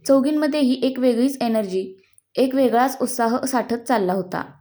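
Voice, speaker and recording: A woman's voice: high voice, mellow. A woman reading a story aloud as scripted narration, speaking every character's lines in her own voice.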